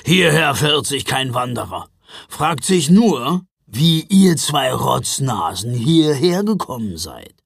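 A man doing Knecht Ruprecht, gruff shaggy old man. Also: mid-range voice, sing-song, slow, dry recording, studio quality, exaggerated voice. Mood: grumpy. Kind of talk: audiobook character voice.

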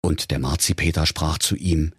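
A man narrating a comic fairy tale in a lively, playful storytelling manner, with a husky voice. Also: extremely low pitch, moderate pace, no echo, studio quality.

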